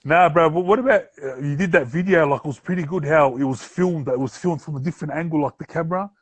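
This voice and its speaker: Speaking fast in a slightly rough, higher-pitched voice, this man hosts a laid-back podcast interview on a remote live-stream call. His New Zealand accent is broad, and he keeps throwing in affirming slang, especially "bro." The recording has no room sound.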